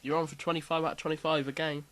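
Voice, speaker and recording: A man hosting a casual quiz chat, reading out questions with lively emphasis. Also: on the high side, rapid-fire. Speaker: quiz host.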